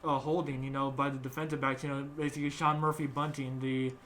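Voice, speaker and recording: A man's voice: mid-range voice, little pitch movement, quick pace, fairly bright tone, a little hiss or hum. A young man hosting a casual sports chat, rambling with many fillers and restarts. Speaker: podcast host.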